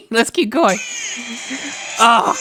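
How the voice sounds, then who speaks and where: An American podcast host giving chatty, excitable live reaction commentary and talking straight to listeners. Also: mid-range voice, unhurried, soft background music.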